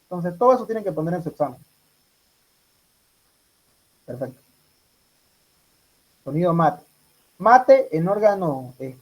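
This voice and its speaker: A man's voice: high-pitched, darkish tone, rough recording. A man runs an exam review for medical students. He fires questions at the class and repeats each answer back to them. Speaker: medical tutor.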